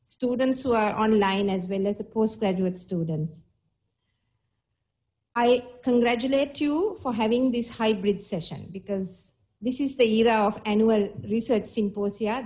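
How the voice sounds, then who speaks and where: A middle-aged Sri Lankan woman speaks as an invited dignitary at an academic ceremony. Her delivery is formal and measured, with a mid-range pitch and a Sri Lankan accent. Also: darkish tone. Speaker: chief guest and university vice chancellor giving an address.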